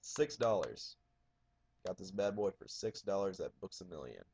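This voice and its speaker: Loud, profane guy. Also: sits low, very animated, moderate pace, breathy edge. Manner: raising his voice, loud and profane. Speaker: horror DVD collector showing his shelf. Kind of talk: casual video blog.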